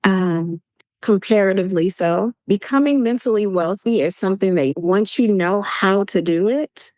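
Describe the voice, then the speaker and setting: A lively woman guest on a podcast, telling stories with acted-out voices and frequent laughter. Her voice sits at an average pitch and comes across close and dry, with no room sound at all. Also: moderate pace, dry recording, poor audio. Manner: animated storyteller, acts out quoted voices, laughs often. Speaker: guest, public speaker and coach. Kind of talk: podcast interview conversation.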